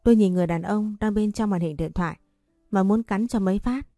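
A woman narrating a first-person story in a steady storytelling manner. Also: medium pitch, brisk, dry recording, studio quality, faint music behind.

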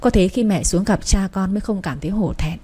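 A woman's voice: mid-range voice, brisk, warm tone, husky, natural voice. A woman voicing a stern elderly mother who rules her household, speaking severely and with command. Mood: grave.

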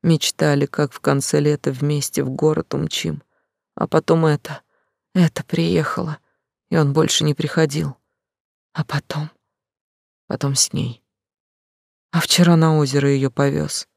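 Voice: mid-range voice, flat delivery, measured pace, creaky, long pauses, dry recording, studio quality. A reader voicing a heartbroken teenage girl. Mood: heartbroken, hushed.

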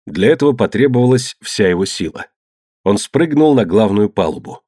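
A man narrating an adventure novel in a low, measured storytelling voice. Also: expressive, warm tone, breathy edge, dry recording, clean studio sound. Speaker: audiobook narrator. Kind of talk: scripted narration.

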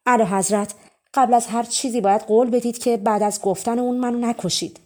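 A woman's voice: a little high, fairly even intonation, darkish tone, lightly acted. Humble young man, a clever thief, earnest and pleading, as a woman reads him.

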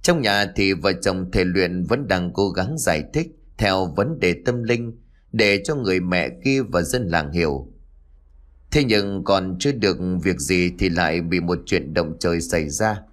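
A man's voice: low-pitched, a little slow. A man narrating a ghost story in a scripted, dramatic storytelling manner. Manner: expressive storytelling, dramatic rise and fall.

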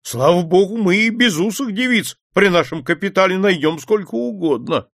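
Guy doing a shy young groom, mumbly and hesitant, low gravelly voice. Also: lively intonation, moderate pace, fairly bright tone, dry recording, clean studio sound, exaggerated voice. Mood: indignant.

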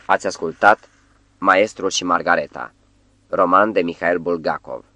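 A man narrating a literary audiobook in a measured, calm storytelling voice. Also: deep voice, dry recording.

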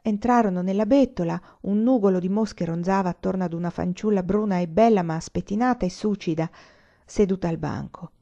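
A woman narrating a literary audiobook in a calm, measured way. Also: mid-range voice, gravelly. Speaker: audiobook reader. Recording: slightly muffled recording.

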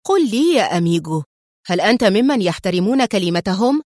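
A woman voicing a menacing male crime boss who speaks in a cold, stern, deliberate way. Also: medium pitch, big pitch swings, a little mellow, dry recording, clean studio sound, natural voice. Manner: stern, slow and icy.

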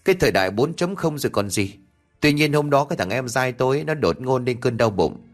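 A man playing a rude young villager who talks back to his elders, with a slightly raised voice and a lively, mocking swing. Soft music sits under the narration. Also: medium pitch, brisk, pitched above the performer's own voice, natural voice. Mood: boastful.

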